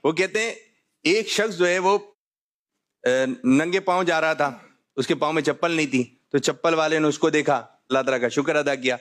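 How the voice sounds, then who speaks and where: A man's voice: a little high, fairly bright tone. A man hosting a religious talk show, jovial, often repeating his key phrases. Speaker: host.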